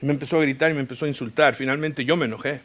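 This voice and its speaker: A man preaching a sermon as a pastor, telling a personal story with English words mixed in, moving between loud and hushed delivery. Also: medium pitch, steady tone, rapid-fire. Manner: mixes English words into Spanish. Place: church.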